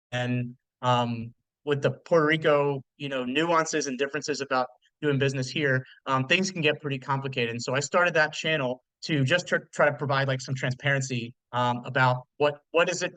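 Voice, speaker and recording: Hosting a relaxed live webinar, a man in his thirties who works as a mortgage loan officer talks in a loose, chatty manner full of fillers and restarts. His voice sits at medium pitch, bright and forceful, and the audio is poor though free of echo.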